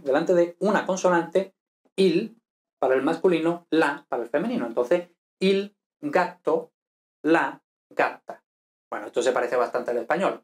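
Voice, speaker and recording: A man's voice: fairly high pitch, a little mellow. Man teaching grammar with constant tag questions. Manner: explanatory, frequent tag questions. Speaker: language teacher. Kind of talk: online grammar lesson.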